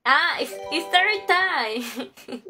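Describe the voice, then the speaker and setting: A woman's voice: high-pitched, animated, drawn-out words, sharp tone, faint music behind. A young woman, chatting casually on a game stream, joking and greeting viewers as she reads their messages. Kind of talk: casual live-stream chat.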